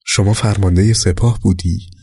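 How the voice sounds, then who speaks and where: A man reading a memoir aloud as an audiobook narrator, calm and measured, lightly voicing the quoted dialogue. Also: fairly low pitch, husky, no room sound, studio quality.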